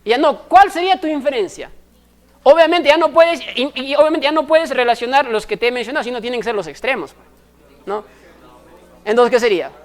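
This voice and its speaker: A woman, teaching a recorded math class step by step and often pausing to ask if her students follow. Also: high-pitched. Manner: explains step by step, constantly checking in with short questions.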